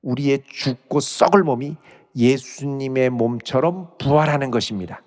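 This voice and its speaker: Moving verse by verse, a man preaches an expository sermon, reading passages of scripture and then unpacking them. He speaks at a moderate pace with a medium pitch, and the church sanctuary adds long reverberation to the recording.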